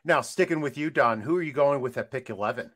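A man hosting a fantasy football podcast who talks in a relaxed way and calls on each panelist in turn. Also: mid-range voice, fast talker. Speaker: podcast host. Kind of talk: casual podcast chat.

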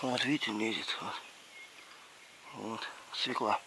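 Speaking slowly with fairly even intonation and some vocal fry, a middle-aged man vlogs about village life from a yard outdoors, chatting in a loose, rambling way. He holds an action camera at arm's length, and the outdoor audio carries background noise. Since losing a lower tooth, his s and sh sounds come out with a slushy lisp.

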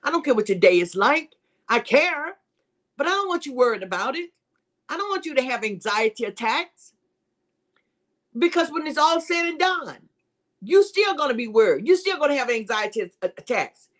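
A woman's voice: sits high, big pitch swings, normal speed, fairly bright tone. A woman hosting a live-streamed devotional teaching, preaching in a repetitive, emphatic, conversational way and greeting viewers by name. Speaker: host and Bible teacher.

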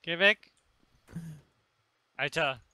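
A man's voice: on the high side, drawn-out words, sharp tone, clean tone, dry recording. A man bickering in casual gaming chat, grumpy and insulting.

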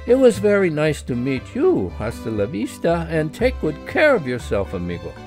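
A man voicing a lively young female traveler with a lame leg, exclaiming and teasing. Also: a little high, moderate pace, faint music behind, pitched above the performer's own voice. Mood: eager. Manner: exclaiming, teasing, uses Spanish words.

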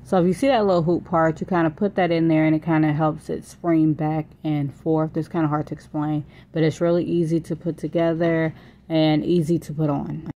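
A woman's voice: low voice, flat delivery, normal speed, warm tone. A young woman vlogger giving a casual product review and try-on. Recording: noisy home phone recording.

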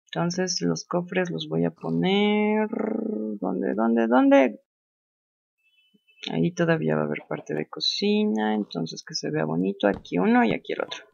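A woman's voice: on the low side, vocal fry, a little mellow, slightly rough. A woman chatting casually as she plays a video game, thinking aloud and laughing often. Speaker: gamer. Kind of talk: casual gameplay commentary. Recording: dull lo-fi home recording.

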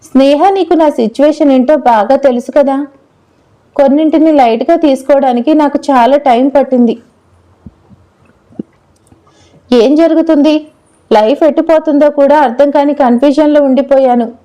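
A woman's voice: high-pitched, normal speed, warm tone, lightly acted, rough recording. A woman voicing a troubled, defensive young woman, pregnant and divorced, in a storybook love tale. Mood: sad. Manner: sad, then irritated.

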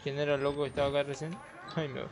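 Young Argentine male gamer, slightly high voice, jumpy horror let's play commentary, swears a lot, faint noise. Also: rapid-fire. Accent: Argentine Spanish. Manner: excitable, swearing, jumpy yelps.

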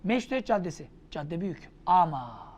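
A woman teaching an exam-prep lesson in a theatrical, comedic way, often shouting and mixing mock insults with endearments. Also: fairly low pitch, sing-song, moderate pace, a little hiss or hum.

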